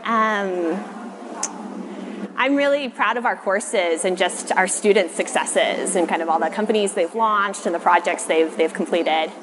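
A Texan machine learning researcher in her thirties, with an American accent, gives brief, thoughtful answers in a casual rapid-question interview. Her mid-range voice is a little slow. It's recorded on a covered city walkway outdoors, with city ambience in the background.

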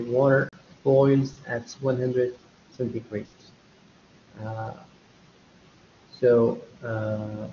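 A man with a creaky, mid-range voice leads a live online English class at university level, using Arabic to explain and English for examples. He works step by step and keeps checking whether students follow, over dull lo-fi audio with a little hiss or hum.

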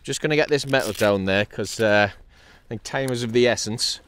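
A North East England man records a casual fishing vlog from his kayak at sea through an action camera attached to the craft. His medium-pitched voice sounds smooth at a normal pace, upbeat and cheery. Hooking a fish sends him into excited bursts.

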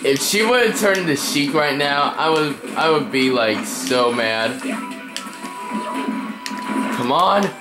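Excitable young man commenting on gameplay. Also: a little high, unhurried, hardly any pauses. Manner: excitable, yells at the game when frustrated. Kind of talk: let's play commentary. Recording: echoey room with game music behind. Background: game music.

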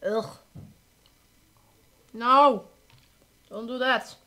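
A woman streamer giving animated, exasperated running commentary while playing a card game live, with sing-song thanks to followers. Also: on the high side, very slow, rough recording.

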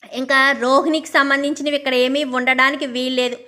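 A woman's voice: sits high, level tone, fairly quick, bright, forceful tone. A woman casually retelling a serial episode, narrating and quoting each character in her own voice. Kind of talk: casual spoken story recap.

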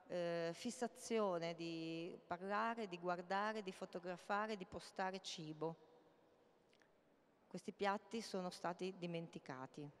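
Brief: middle-aged woman artist, hesitant public talk, smooth clear voice, reverberant hall. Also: on the low side. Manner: halting, with many hesitations. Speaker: artist presenting her projects. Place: large hall, indoors. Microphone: handheld mic. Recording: long reverb of a large hall.

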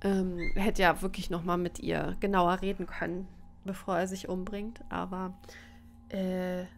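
A woman's voice: lowish voice, little pitch movement, measured pace, gravelly, a little hiss or hum. A woman giving casual commentary while playing a game, thinking aloud and searching for words. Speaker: let's player.

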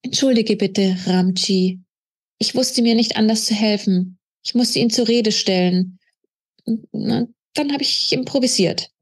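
A woman's voice: medium pitch, measured pace, breathy edge, pitched above the performer's own voice. Woman reading as a shaken, earnest aid worker. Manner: apologetic, earnest.

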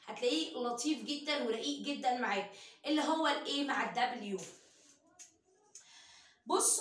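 A woman with an Egyptian accent teaching English phonics. She drills the sounds slowly and loudly, switching between Arabic and English. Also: high voice, reverberant. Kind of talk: phonics lesson.

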